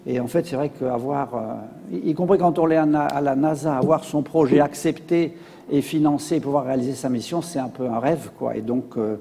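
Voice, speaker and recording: Gravelly man lecturing in a hall. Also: medium pitch, a little fast, dark tone. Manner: hesitant, many fillers and restarts. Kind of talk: public science talk with slides.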